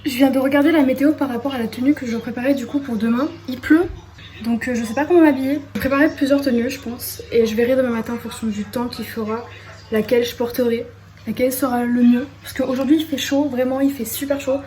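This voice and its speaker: A teenage girl chats casually in a vlog, bubbly and talkative, filling her speech with little fillers like "euh" and "bah." Her nose is stuffy and she's losing her voice, which is high and dark-toned, quick and fairly even in intonation, with a little hiss or hum in the background.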